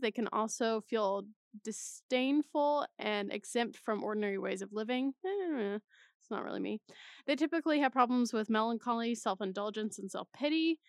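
A young woman in college, a vlogger, casually reads her personality test results aloud, adding chatty, self-mocking asides. Her voice is fairly high, and the studio-quality recording has no echo.

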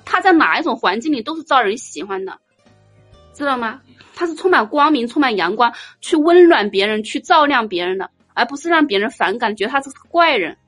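A woman giving an informal dharma talk as a Buddhist teacher, blunt and teasing, telling lively stories. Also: a little high, fairly quick, soft background music. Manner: blunt, teasing, animated storytelling.

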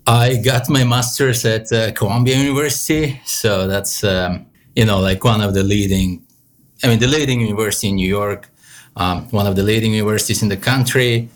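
A man's voice: on the low side, fairly quick. A man, answering interview questions hesitantly with many fillers. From Bulgaria. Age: 30s. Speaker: guest, real estate investor.

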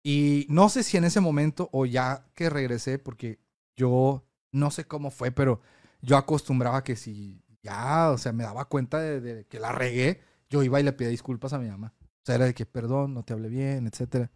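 A man's voice: mid-range voice, normal speed, a little mellow, no room sound, studio quality. A young man, co-hosting a casual podcast and telling a long rambling story with many fillers. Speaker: podcast co-host.

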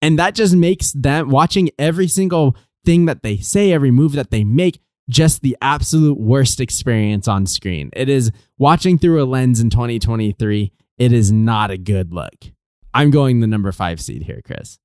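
Animated sarcastic man reviewing a film. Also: mid-range voice, normal speed, no room sound, clean studio sound. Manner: animated, sarcastic, laughs often. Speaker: podcast co-host. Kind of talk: casual film review chat.

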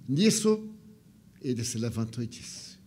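An older man telling a heartfelt story in a spiritual talk, his voice swinging between soft and raised. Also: medium pitch, very animated, a little slow, slight background noise.

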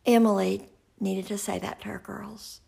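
A middle-aged woman preaching a sermon and telling a personal story earnestly, slowing down and dropping to a whisper for emphasis. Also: medium pitch, little pitch movement, creaky, warm tone, breathy edge.

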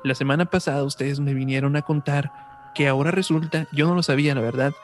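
This man, a Mexican-accented podcast host, talks fast in a slightly high, steady voice. He mixes informal chat with reading aloud and corrects himself along the way, all over background music.

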